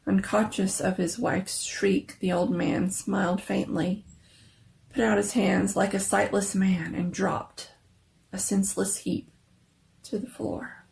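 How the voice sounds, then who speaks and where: A woman's voice: mid-range voice, little pitch movement, slow pace, creaky, darkish tone. A woman narrator giving a dramatic reading of a scary story.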